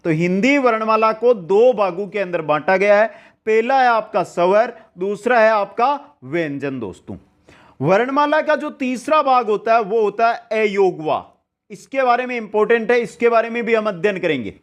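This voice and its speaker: A man's voice: high-pitched, animated. A man teaching an online grammar class, explaining step by step and answering his own questions as he goes. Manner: drags out sounds and counts slowly.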